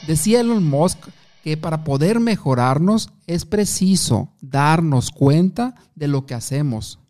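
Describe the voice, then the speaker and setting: Mellow man coaching communication. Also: on the high side, expressive, unhurried. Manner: asks the listener questions, tells short anecdotes. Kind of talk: instructive talk to the listener.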